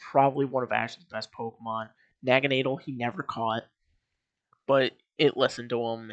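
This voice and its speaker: A man with a medium-pitched voice hosts a casual video commentary, ranking and critiquing an anime series with emphatic opinions. The recording is lo-fi with no room sound.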